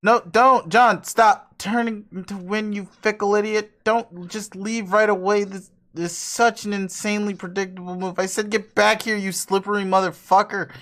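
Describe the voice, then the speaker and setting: A man's voice: sits high, fairly even intonation, moderate pace, few pauses, fairly bright tone, pitched above the performer's own voice. A man voicing a cool, ironic teenage boy who swears a lot and rambles, in a dramatic reading of a webcomic. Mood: exasperated. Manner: profane, rambling, laughs a lot.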